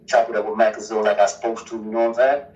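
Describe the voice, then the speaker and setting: A man talks fast in a flat, even tone as an interview guest. His voice comes through muffled and from a distance, like played-back audio. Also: fairly low pitch. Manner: fast, flat, hedging with "you know what I'm saying". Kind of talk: casual interview over a call.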